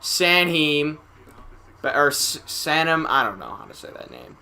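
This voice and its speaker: A man calling a hockey game casually, play by play, getting excited on big plays and chatting in asides with filler words. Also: lowish voice, a little fast, gravelly. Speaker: amateur play-by-play commentator. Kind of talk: casual live game commentary.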